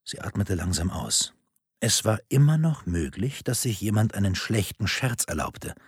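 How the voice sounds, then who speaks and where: A man narrating a thriller audiobook in a measured, dramatic way. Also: lowish voice, sing-song, husky, no room sound, clean studio sound. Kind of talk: scripted narration.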